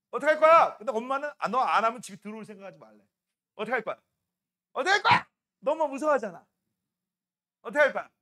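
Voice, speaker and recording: High-voiced, lively male science teacher. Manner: teasing, banters with students, colloquial. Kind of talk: classroom lecture.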